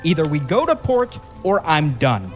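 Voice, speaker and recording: A man's voice: fairly high pitch, very animated, normal speed. A man voicing a blunt, impatient pirate quartermaster with a snarky edge, over music. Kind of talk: comedic history video voice acting. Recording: music in the background.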